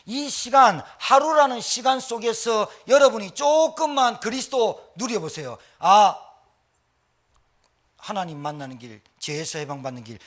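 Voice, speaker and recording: A middle-aged male pastor giving an emphatic sermon with the odd joke. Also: sits high. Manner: animated, emphatic preaching with jokes.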